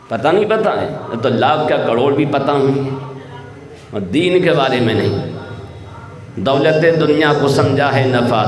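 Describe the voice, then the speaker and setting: A man's voice: a little high, echoey room, big-room sound. A man preaching a Friday sermon, quizzing his listeners with rhetorical questions and reciting Quranic verses. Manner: rhetorical, quizzing the congregation with repeated "hein?".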